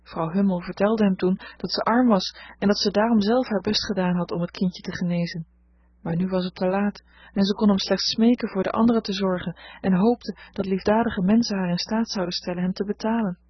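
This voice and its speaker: Woman doing a shy sweet girl, soft and calm, husky, dull recording. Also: mid-range voice, a little fast, no echo, close to an everyday voice. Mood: quiet. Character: gentle shy young girl falling ill.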